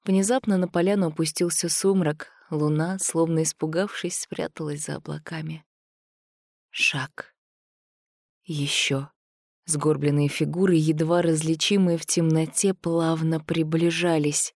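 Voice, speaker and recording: A woman narrating an audiobook thriller in a steady, tense storytelling manner. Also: deep voice, measured pace, no echo, studio quality.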